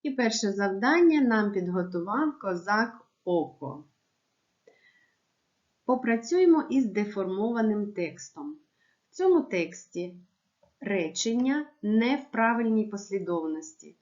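A woman teacher giving a remote lesson to young pupils, with clear, measured instructions. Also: medium pitch, sing-song, darkish tone, highs cut off. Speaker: primary school teacher.

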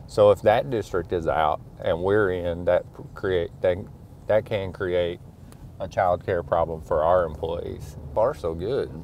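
A deep-voiced, slightly mellow middle-aged man, a school superintendent, speaks at a measured pace while driving his truck at night. His casual talk is full of fillers as he thinks aloud, over faint car engine and road noise.

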